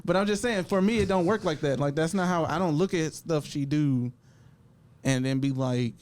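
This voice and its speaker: A man's voice: on the high side, brisk, darkish tone. A man co-hosting a podcast, earnestly explaining his view in casual chat, repeating himself. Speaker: podcast co-host.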